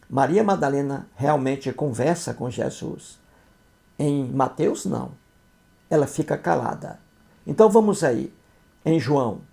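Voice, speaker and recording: Man, dark mellow voice, didactic, scornful, repetitive commentary. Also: medium pitch, vocal fry. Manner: didactic, repeats points, asks "entendeu?"; scornful, mocking. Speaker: video commentator. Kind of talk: critical commentary on scripture.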